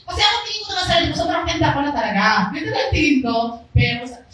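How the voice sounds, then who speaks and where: A woman giving a lively, loud testimony to a small church congregation in a casual, animated manner. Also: sits high, racing. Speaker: church speaker sharing a testimony. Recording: very echoey hall, voice far off, faint background noise.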